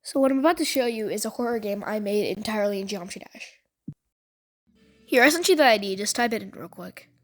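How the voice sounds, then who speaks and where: With music under her voice, a woman who makes videos and designs game levels narrates walkthroughs casually, full of gamer lingo. She talks fast at a medium pitch.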